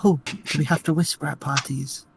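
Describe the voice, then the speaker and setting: A man's voice: on the high side, fairly even intonation, a little fast, gravelly, a little hiss or hum. A man playing a tabletop game, casually describing and speaking for his character. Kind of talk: casual in-game role-play.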